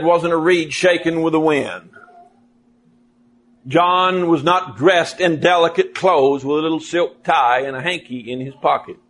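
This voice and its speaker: A man's voice: on the high side, slight background noise. A middle-aged male preacher giving a sermon, telling stories and briefly mimicking other people's voices. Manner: animated storytelling, mimics voices in quotes.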